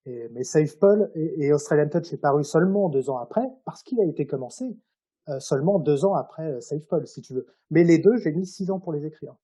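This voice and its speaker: A man's voice: a little high, animated, brisk, warm tone, breathy edge. A man speaking informally and hesitantly as an author being interviewed. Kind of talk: casual interview, telling anecdotes about his own writing.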